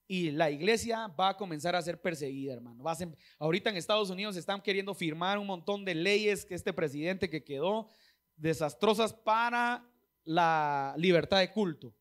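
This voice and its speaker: A high-pitched male pastor delivers a chatty sermon. He keeps checking in with his listeners, and now and then he sings short snatches of old hymns. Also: normal speed, fairly bright tone. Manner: conversational preaching, asks listeners "¿sí?" often.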